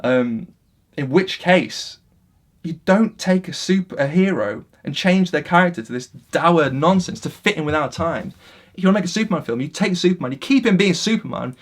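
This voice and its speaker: Man, vlogger, impassioned rant to camera, slightly high-pitched voice, veers from loud to hushed. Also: normal speed. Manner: passionate, animated, swings between loud and quiet. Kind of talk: casual opinion rant to camera.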